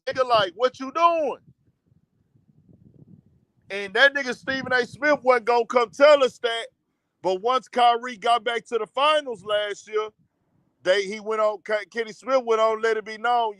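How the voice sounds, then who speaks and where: On his casual livestream commentary show, a man launches into a blunt, profane, heated rant. His high voice is smooth, clear, and a bit bright, captured close on a dry mic with no room sound or echo.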